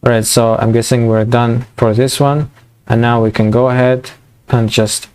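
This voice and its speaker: A young man walking through a coding tutorial in a halting way, full of fillers and restarts, as his voice gives out. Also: mid-range voice, flat delivery, a little mellow, clean tone. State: losing his voice. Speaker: programming tutor. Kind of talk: screen-recorded coding tutorial.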